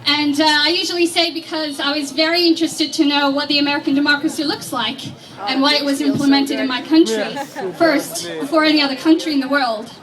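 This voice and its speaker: A woman's voice: high-pitched, fairly even intonation, brisk. A young woman from Iraq, giving an earnest, emphatic rally speech with a few nervous restarts. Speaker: rally speaker and organizer. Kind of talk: outdoor rally speech, partly read from notes. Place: outdoor protest rally. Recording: distant mic with crowd behind.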